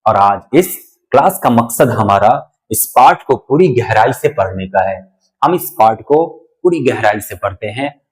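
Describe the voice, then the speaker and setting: A man's voice: fairly low pitch, expressive, a little slow. A man giving a poetry lecture to students. He goes line by line in plain words and says phrases more than once. He speaks some lines in the poet's voice, as if consoling someone. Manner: explains each line in easy words, repeating phrases; acts out the poet's voice when paraphrasing. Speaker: teacher.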